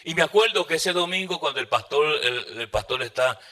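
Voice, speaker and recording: A man preaching a sermon, telling a testimony dramatically and moving between loud bursts and hushed asides. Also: fairly high pitch, expressive, fairly quick.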